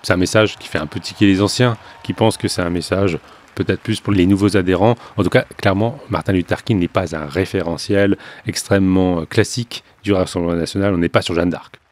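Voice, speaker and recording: A male political journalist giving measured, analytical news commentary with frequent hesitations. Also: deep voice, fairly even intonation.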